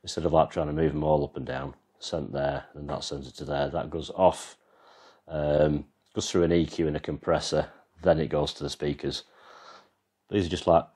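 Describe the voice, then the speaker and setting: Very deep-voiced English man demoing gear. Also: a little mellow. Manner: rambling, explains as he goes. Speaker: vlogger and band musician. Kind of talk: casual walkthrough demo. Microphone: handheld camera, freehand.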